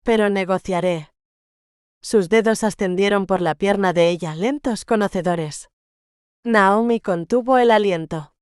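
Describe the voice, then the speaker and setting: A woman narrating a romance novel audiobook in a measured, gentle storytelling manner. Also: medium pitch, clean tone, dry recording, clean studio sound.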